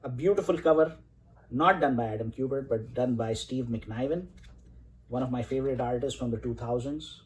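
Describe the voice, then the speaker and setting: A man's voice: medium pitch, moderate pace, rough recording. A man in his forties from Saudi Arabia, showing his comic collection in an enthusiastic, rambling way with many fillers. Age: 40s. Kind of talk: casual collection showcase.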